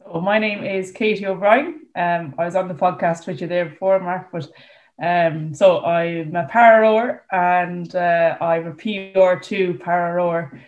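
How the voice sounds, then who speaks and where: A woman's voice: fairly low pitch, fairly even intonation, a little slow, darkish tone. A woman with a west of Ireland accent chatting casually as a guest in an interview. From Galway, Ireland. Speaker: podcast guest, para rower. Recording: dull, muffled lo-fi audio.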